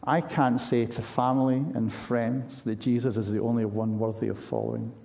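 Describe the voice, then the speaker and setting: A man's voice: medium pitch, fairly even intonation, moderate pace, gravelly, dark tone. A man preaching a sermon in an earnest, conversational way, asking his listeners pointed questions.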